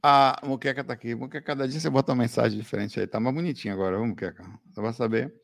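Gravelly and racing, a Brazilian man's mid-range voice carries a casual live chat in a dry recording. He responds to viewers with animated storytelling and laughter, his talk thick with "cara" and "velho."

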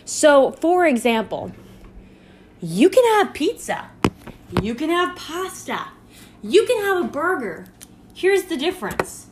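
A woman's voice: high-pitched, sing-song, slow, pauses often, noisy background. Chatty, swearing woman podcaster. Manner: chatty, swears freely, laughs at herself. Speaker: podcast host. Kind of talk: casual solo podcast talk.

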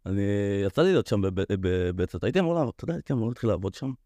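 A young man hosts a relaxed podcast conversation. His voice sits a little low, and the sound is very dry, with no room around it. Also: no room sound. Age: young adult. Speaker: podcast host. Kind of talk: casual chat.

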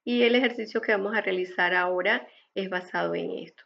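A woman meditation teacher giving an explanatory spoken lesson in a measured, deliberate way. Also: mid-range voice, gravelly, dull audio.

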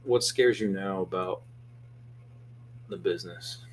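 Brief: young man, deep voice, earnest, slightly anxious podcast co-host. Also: a little slow, slight background noise. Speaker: podcast co-host, salon co-owner. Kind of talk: casual chat.

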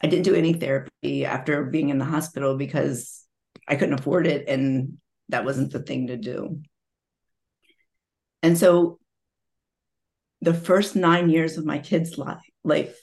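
A woman's voice: low voice, measured pace, gravelly, long pauses. A woman in her forties telling her personal story candidly, acting out quoted voices with emotion. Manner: emotional, confessional, animated quotes. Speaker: guest sharing her story.

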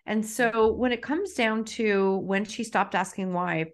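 A woman's voice: mid-range voice, unhurried. A middle-aged woman speaking candidly and reflectively as an author on a podcast, with emphatic stresses. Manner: reflective and emphatic, self-disclosing. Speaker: author and guest. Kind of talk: candid conversational podcast talk.

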